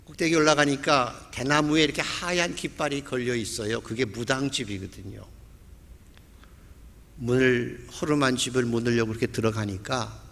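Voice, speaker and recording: A man preaching from the pulpit, telling a story with lively acted-out dialogue. His voice sits at an ordinary middle pitch. A long reverb from the church hall trails behind his words. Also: normal speed, gravelly. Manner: vivid storytelling, acting out quoted lines. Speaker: pastor. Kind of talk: sermon with storytelling. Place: church sanctuary.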